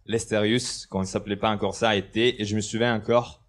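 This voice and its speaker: A guy from Italy, Italian being his native tongue, gives a tech talk on stage in a large indoor conference hall, wearing a headset mic. His voice is low-ish and a little fast, and he jokes around in a relaxed way with lots of ums.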